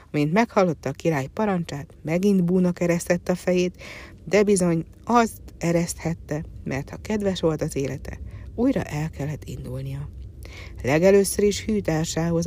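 Give me a steady, middle-pitched voice narrating a folk tale. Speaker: storyteller.

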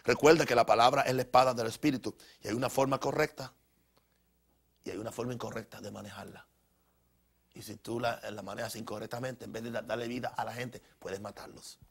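A man's voice: medium pitch, steady tone, a little fast, gravelly, husky. A middle-aged man preaching a sermon as a pastor, emphatic, repeating his phrases and restarting often.

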